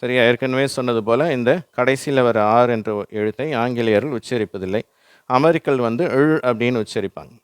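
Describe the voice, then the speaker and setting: A man with a Tamil accent teaching English pronunciation in a slow, patient way, reading words aloud for learners to repeat. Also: mid-range voice, clean tone, no echo. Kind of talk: slow instructional explanation.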